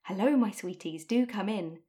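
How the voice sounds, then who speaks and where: A woman's voice: mid-range voice, moderate pace, dark tone, lightly acted. A woman voicing a sly old witch in a read-aloud storybook, sweet-talking and coaxing. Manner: sugary, coaxing.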